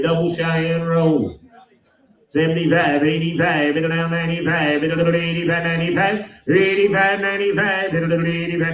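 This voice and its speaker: A man's voice: a little high, fairly bright tone. A man calling bids as a livestock auctioneer in a sale barn, in a rhythmic sing-song number chant with filler calls. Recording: roomy, from far off.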